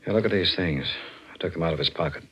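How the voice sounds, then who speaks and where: A muffled vintage radio recording features a very deep, rough male voice. a tough, suspicious homicide cop, clipped and commanding as he interrogates. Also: fast talker, a bit bright. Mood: brisk, probing. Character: tough, blunt male homicide detective sergeant. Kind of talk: old-time radio crime drama acting.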